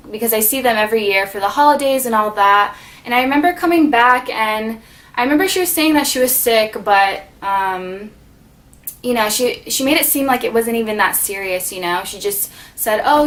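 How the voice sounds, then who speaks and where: A young woman vlogging about losing her best friend, talking softly and tearfully with many pauses and fillers. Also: fairly high pitch. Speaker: beauty vlogger. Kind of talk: emotional personal vlog.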